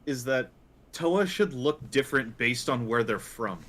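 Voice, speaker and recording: A man's voice: mid-range voice, animated, a little slow, a bit bright. Matter-of-fact young man. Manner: matter-of-fact, correcting others. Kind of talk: casual chat on a livestream.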